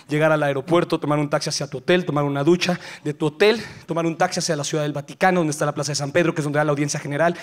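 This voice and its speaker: A man with a Mexican Spanish accent performing live stand-up on an auditorium stage, telling stories with lots of slang. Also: fairly high pitch. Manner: animated storytelling with slang. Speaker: stand-up comedian.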